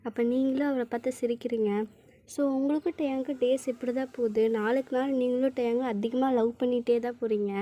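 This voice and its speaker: Female storyteller, casual second-person narration, high voice. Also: fairly even intonation, quick pace, warm tone, muffled recording. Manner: casual, addressing listener as you. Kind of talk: spoken fan-fiction narration.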